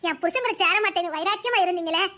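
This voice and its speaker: Casting: a woman doing an effusive young village wife, very high and bright. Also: racing. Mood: grateful. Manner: earnest, effusive, full of praise. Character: grateful young wife, the husband's sister. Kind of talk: homemade village drama.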